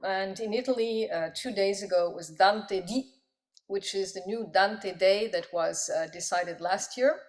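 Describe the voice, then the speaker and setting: A woman's voice: mid-range voice, a little slow. A middle-aged woman answering interview questions thoughtfully, with frequent ums. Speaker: guest, professor and poet.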